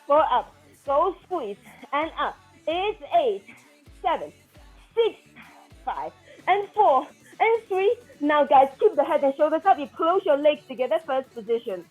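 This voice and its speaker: Her voice sits high and has a sing-song quality as she cues a floor workout class at a measured pace, counting and giving commands. This aerobics instructor sounds encouraging and motivating, captured in dull lo-fi audio over background music.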